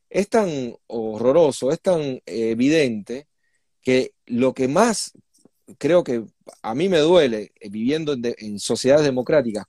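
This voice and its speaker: Emphatic and indignant, a Cuban man who works as a human rights activist explains his points conversationally as an interview guest. He has a medium-pitched voice with a dark tone, recorded in clean studio sound without echo.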